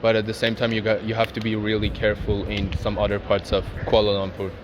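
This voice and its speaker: A young man from Iran gives easygoing answers in a low voice, restarting a phrase now and then. Clear music plays behind him. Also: fast talker, dull audio. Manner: relaxed, thinks aloud with small restarts. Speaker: interviewee. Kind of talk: casual interview answers.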